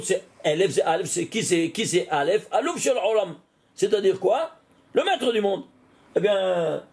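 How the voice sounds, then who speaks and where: A man, a rabbi, teaching a recorded Torah class, putting questions to his listeners and answering them himself. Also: high voice. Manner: asks questions and answers them himself, animated rise and fall.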